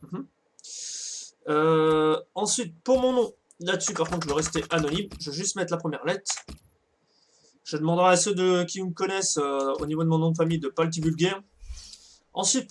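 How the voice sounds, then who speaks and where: Man, gaming commentary, slightly high voice, halting, filler-heavy. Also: fairly bright tone. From France. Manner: hesitant, many fillers and self-corrections. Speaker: gaming channel host. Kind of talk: casual let's-play commentary.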